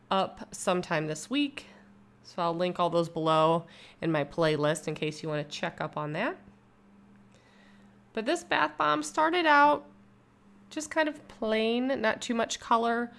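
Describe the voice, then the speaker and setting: A young woman YouTube vlogger records a casual voice-over from home reviewing a bath product, sounding upbeat, chatty and enthusiastic. Her voice is mid-range and gravelly.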